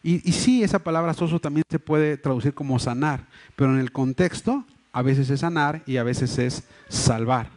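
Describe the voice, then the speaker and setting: A man's voice: mid-range voice, normal speed, few pauses, darkish tone. A man preaching a sermon as pastor, with a Mexico City Spanish accent, explaining earnestly with many fillers and restarts. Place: church hall. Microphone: livestream microphone.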